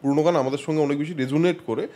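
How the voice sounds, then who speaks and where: A man's voice: fairly high pitch, fairly even intonation, rapid-fire, mellow. A man hosting an interview, listening and summing up his guest's points in casual conversation. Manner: responsive, sums up the guest's points. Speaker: podcast host.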